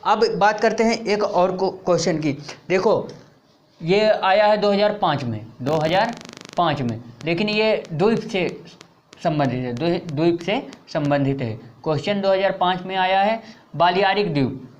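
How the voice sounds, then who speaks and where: A man's voice: high-pitched, expressive. A man teaching an exam-preparation lesson, reading out answer options word by word and repeating key terms several times, dropping his voice on them. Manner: reads out options slowly, word by word. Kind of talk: slow exam-prep lesson.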